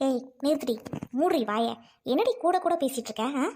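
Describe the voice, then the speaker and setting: A woman voices a bossy elder sister-in-law with a high, commanding voice. She scolds the younger women and insists on keeping the family together. It is a Tamil audio drama. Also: expressive, fairly quick, darkish tone, a little hiss or hum. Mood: indignant.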